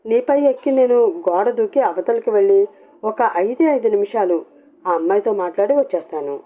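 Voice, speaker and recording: A woman's voice: medium pitch, lively intonation, normal speed, mellow, lightly acted. A woman voicing an impatient, scolding elder sister-in-law in a storybook reading.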